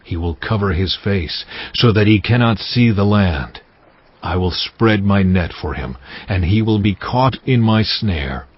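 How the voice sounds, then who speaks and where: An actor playing a solemn, commanding God who pronounces judgment gravely and deliberately in a dramatized audio Bible. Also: male voice, fairly low pitch, expressive. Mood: stern, foreboding. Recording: muffled sound with music behind. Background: cinematic music.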